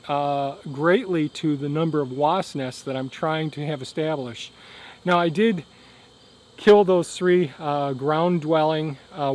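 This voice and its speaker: A man giving a casual, explanatory outdoor vlog update in a halting way, with a tractor rumbling behind him. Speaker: gardening and beekeeping video host. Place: outdoors on a rural property by a hive hut. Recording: outdoor noise of tractor and insects. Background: tractor rumbling, insects.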